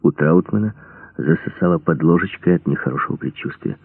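Man, very deep voice, husky, audiobook narration, steady, tinny narrow sound. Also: a little fast, no room sound. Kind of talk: scripted narration.

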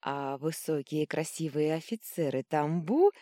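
A woman's voice: low voice, expressive, unhurried, mellow, no echo, clean studio sound. A woman voicing a playful, mischievous young noblewoman in an audiobook reading. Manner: coquettish, playful.

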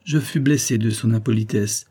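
A man reading a literary story aloud in a measured, even narrating voice. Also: fairly low pitch, husky. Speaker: audiobook reader.

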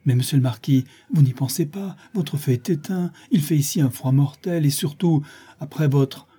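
A man's voice: medium pitch, brisk, dark tone, breathy edge, natural voice. A man voicing a devoted, anxious old valet who pleads with his master in a trembling voice.

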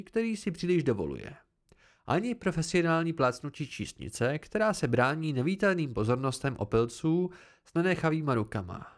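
A man reading an amateur audiobook, telling the story expressively in the first person. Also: on the high side. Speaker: audiobook narrator.

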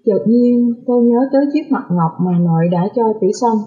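A woman's voice: fairly high pitch, animated, fairly quick. A woman narrating a novel in the first person, raising her voice for the characters' lines. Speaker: audiobook narrator. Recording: phone-like lo-fi audio.

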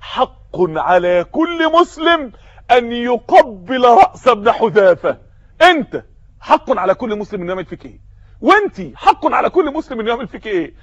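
A man with an Egyptian accent preaching an impassioned sermon full of rhetorical questions, rising at times to shouts. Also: extremely high pitch, breathy edge, no echo, dull audio. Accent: Egyptian Arabic.

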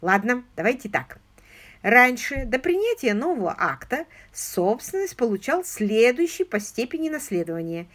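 A woman doing an eager aristocratic gentleman sleuth. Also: fairly high pitch, sing-song, moderate pace. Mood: eager, insistent. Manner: eager, insistent questioning. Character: lively aristocratic English gentleman sleuth, man. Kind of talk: audiobook character reading.

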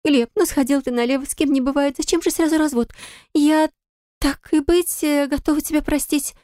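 A woman voicing a capricious, greedy young wife in an audiobook, high and squealing. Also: quick pace, mellow, no room sound, studio quality, close to an everyday voice. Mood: wheedling. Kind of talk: audiobook character voice.

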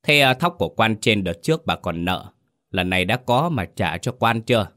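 A man voicing a cruel, bad-tempered old village chief who shouts and scolds. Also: lowish voice, lively intonation, moderate pace. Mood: angry scolding.

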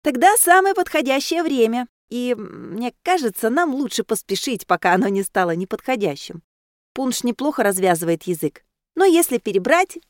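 A bright, squeaky schoolgirl bubbling over with cheer, as a woman reader puts her on. Her pitch jumps high and lively in a dry, close storybook reading. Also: normal speed, no room sound. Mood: bubbly. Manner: chirpy, eager, high-pitched. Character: cheerful bubbly teenage girl in mouse costume.

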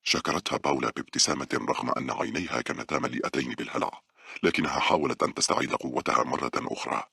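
A man narrating a horror audiobook in a measured, steady way. His voice is extremely deep, gravelly and husky, with a bright edge. It is recorded close and dry. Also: no room sound.

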